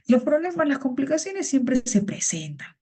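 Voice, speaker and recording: A woman's voice: high-pitched, sing-song, normal speed, warm tone. A woman teaching a vocabulary class over a video call, patient and repeating words. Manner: patient, repeats words and greets students by name.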